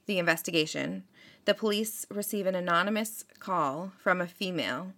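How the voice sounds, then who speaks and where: A woman's voice: mid-range voice, bright, forceful tone. A woman hosting a podcast, telling a true-crime story in a casual, chatty way, with many fillers. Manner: chatty, filler-heavy, frequent "like" and "um". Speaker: podcast host.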